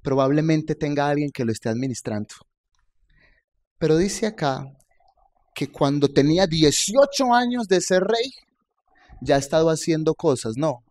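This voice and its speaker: A man's voice: a little high, expressive, normal speed, pauses often, darkish tone. A male pastor preaching a sermon in a conversational style, asking the congregation rhetorical questions and building up to emphatic points. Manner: rises to emphatic peaks on key points.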